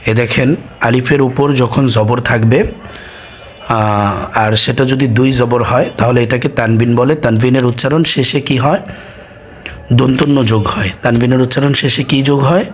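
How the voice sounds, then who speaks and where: A man teaching Quran reading, drilling each sound slowly and answering his own questions. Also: medium pitch, fairly even intonation, slight background noise. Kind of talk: slow drilled recitation lesson.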